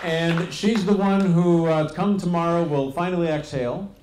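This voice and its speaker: A middle-aged American mayor, hosting a live event, informally introduces people on a handheld stage microphone in a genial, joking way. His voice is a little high and steady at a normal speed. The echoey event tent has a seated audience, with crowd murmur and a noisy background.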